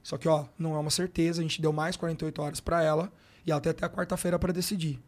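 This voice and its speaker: Brazilian guy on a podcast, kinda high voice, slangy emotional storytelling. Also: little pitch movement, very fast, darkish tone. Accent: Brazilian Portuguese. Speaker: sports coach, podcast guest. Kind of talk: casual storytelling interview.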